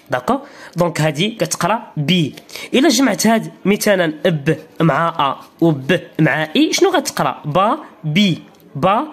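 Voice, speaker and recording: A woman with a Moroccan Arabic accent teaches a beginner lesson in a slightly husky voice. Her pitch moves a lot as she explains, and she is patient and repetitive. She keeps checking that the learner is following.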